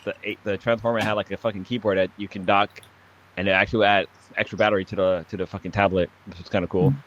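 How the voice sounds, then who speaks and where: A man's voice: on the low side, level tone, quick pace, fairly bright tone. A man chatting casually as a podcast co-host, rambling and swearing, with "like" sprinkled through his talk. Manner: rambling, sweary, says like often. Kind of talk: casual chat. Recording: slightly dull lo-fi mic.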